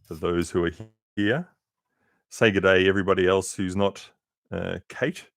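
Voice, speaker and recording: A man reading a children's picture book aloud with expressive, unhurried storytelling and casual asides. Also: low-pitched, creaky, dry recording, studio quality. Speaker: reader.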